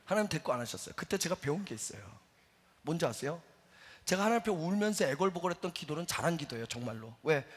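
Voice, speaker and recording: A middle-aged man preaching a sermon as a pastor, telling a story with lively acted-out quotes. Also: a little high, fast, breathy edge. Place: church sanctuary. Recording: church hall reverb.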